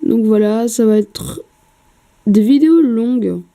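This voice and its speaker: This casual vlog has a woman painting a miniature and talking it through, using lots of fillers and some casual cursing as she hesitates and chats. Though very dark and mellow in tone, her voice sits a little high, and she's unhurried. A camera mic at her home desk captures it.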